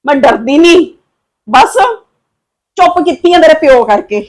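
A woman's voice: high-pitched, animated, measured pace. A woman playing a fierce protective mother. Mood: defiant. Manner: firm and defiant, soothing her daughter. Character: protective, fierce middle-aged Punjabi mother. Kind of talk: scripted family drama.

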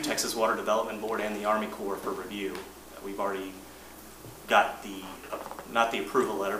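A man, an engineering manager, presenting updates to a board in a measured, plain-spoken way, often restarting his sentences. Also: on the low side. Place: boardroom meeting. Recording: roomy distant mic, noisy meeting room.

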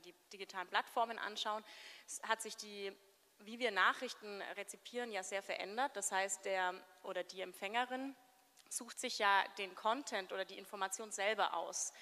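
A woman moderating a stage interview at a café event, asking questions into a handheld microphone, halting with fillers. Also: medium pitch, pushed and bright, big-room sound.

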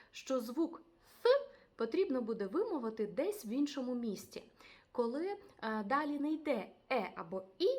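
A woman teaching a language lesson, addressing viewers directly and repeating each word twice, slowly. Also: fairly high pitch. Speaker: Spanish teacher.

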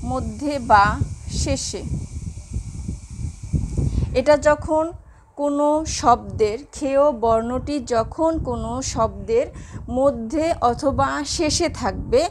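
Woman teacher, high voice, patient and repetitive, light background hiss. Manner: slow, repeats examples for students. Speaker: Bengali teacher. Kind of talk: classroom lesson on pronunciation.

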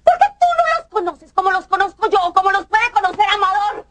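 An actress playing an irritable, defiant young adult daughter in a telenovela, curt and argumentative. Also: female voice, very high voice, animated, fairly quick, noisy background. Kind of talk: telenovela acting. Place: furnished bedroom set, indoors.

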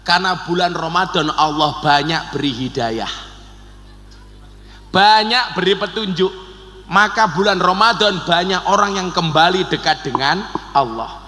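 A man with a Javanese accent preaching a lively, joking sermon, swinging between soft and loud. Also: high voice, unhurried. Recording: echoey hall.

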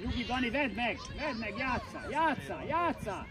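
A man coaching a youth football match, shouting urgent, commanding instructions from the sideline and repeating names and orders. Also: extremely high pitch, lively intonation, crowd noise. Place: outdoor football pitch.

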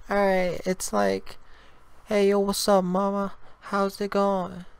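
Male performer doing a convincing ditzy young woman, monotone, very clean dry tone. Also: sits high, slow pace, creaky, clear, resonant tone, no echo, pitched above the performer's own voice, heavily acted. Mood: chatty. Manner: filler-heavy, rambling, lots of "like". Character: chatty young woman, valley-girl talk. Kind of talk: prank video chat.

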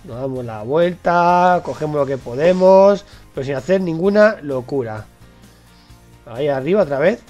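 Excitable man narrating his game. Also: a little high, normal speed, soft background music. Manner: excitable, repeats words over and over while playing. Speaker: gameplay commentator. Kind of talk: casual gameplay commentary.

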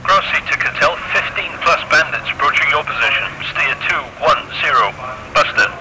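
Brief: a man doing a clipped wartime controller over crackly AM radio, higher-pitched. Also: normal speed. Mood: brisk. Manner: clipped radio procedure calls. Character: male British wartime radar controller on the radio. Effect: crackly AM radio transmission. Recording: radio static, heavy noise.

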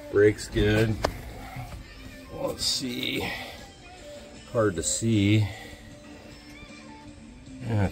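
Laid-back man with a lowish voice. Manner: relaxed, offhand, thinking aloud with dry jokes. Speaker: homesteader showing his truck. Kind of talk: casual walkaround vlog. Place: outdoors at a farmyard and inside a truck cab.

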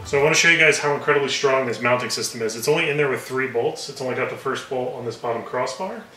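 A man's voice: mid-range voice, fast talker, pushed and bright. A man in his thirties giving casual how-to narration of a workshop build, practical, with filler words and self-corrections. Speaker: DIY builder. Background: background music.

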